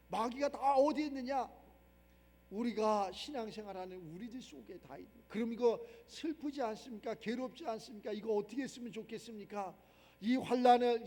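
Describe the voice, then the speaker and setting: High-pitched male pastor preaching with insistent repetition; reverberant sanctuary. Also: a little mellow. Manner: emphatic, repetitive preaching with rhetorical questions. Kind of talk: sermon. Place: church sanctuary. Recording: long reverb of a church hall.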